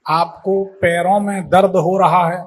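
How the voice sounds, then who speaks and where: A man's voice: high voice, steady tone, unhurried. A man working as an astrologer, taking a caller's questions and pressing her with leading questions. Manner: assertive, leading questions, talks over the caller. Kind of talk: live call-in astrology consultation.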